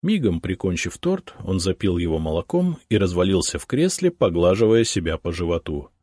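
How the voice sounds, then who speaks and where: A man narrating a first-person fantasy audiobook in a steady storytelling manner. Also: low voice, normal speed, breathy edge, no echo, studio quality.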